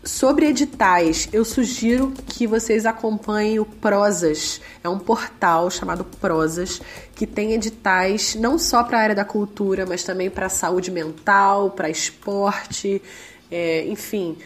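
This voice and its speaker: Brazilian woman chatting in an interview, voice kinda hoarse n ducky from laryngitis, medium pitch. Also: takes it slowly. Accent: Brazilian Portuguese. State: duck-like hoarse voice, recovering from laryngitis. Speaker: interviewee, independent musician. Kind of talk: conversational online interview.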